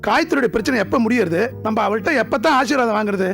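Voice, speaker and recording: Fast-talking exasperated son. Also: male voice, sits high, expressive, vocal fry, over music. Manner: exasperated, complaining. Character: frustrated grown son of the household.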